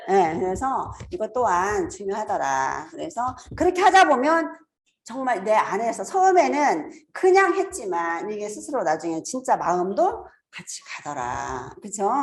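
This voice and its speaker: A woman in her fifties giving a casual seminar talk, animated and laughing often as she acts out greetings. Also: mid-range voice, a little hiss or hum. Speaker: seminar speaker.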